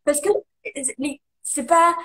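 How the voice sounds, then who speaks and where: Woman, high voice, explains stuff fast and animated, lots of euh. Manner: animated, explaining with many fillers. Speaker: guest, coach. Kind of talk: casual conversation, live video.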